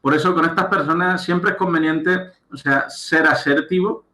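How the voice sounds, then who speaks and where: A man's voice: fairly high pitch, steady tone, moderate pace, sharp tone, roomy sound. A man giving a recorded lecture as a coach, explaining step by step and often checking understanding with "right?". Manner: explanatory, checks understanding with frequent "¿de acuerdo?" and "¿vale?".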